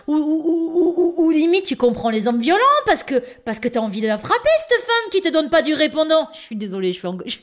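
A woman's voice: high voice, fast, few pauses. A woman podcaster telling a personal anecdote in casual, chatty speech, talking straight to her listeners. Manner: chatty, expressive, addresses listeners directly.

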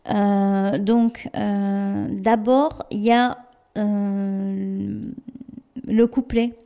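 A woman casually explaining a song she sings, hesitant with many fillers, rushing ahead in quick bursts and then trailing off quietly. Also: medium pitch, flat delivery, highs cut off. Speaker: singer explaining her own song.

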